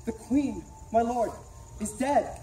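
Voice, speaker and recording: A woman's voice: a little high, takes it slowly, warm tone, a little hiss or hum. A woman playing an anxious male messenger on stage. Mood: grave. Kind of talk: stage Shakespeare acting. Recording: echoey stage from far off.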